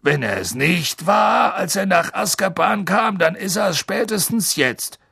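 Ernie, a slow gruff bus driver, as an audiobook reader voices him. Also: medium pitch, animated, fairly bright tone, dry recording, clean studio sound, pitched above the performer's own voice, heavily acted. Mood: gruff, grim. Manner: slow, grumbling, curt. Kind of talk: audiobook character voice.

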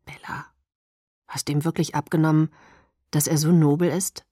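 A woman reading an audiobook, voicing a calm, tender young male vampire lover in a soft, low, gentle voice. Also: normal speed, slightly rough, no echo, clean studio sound.

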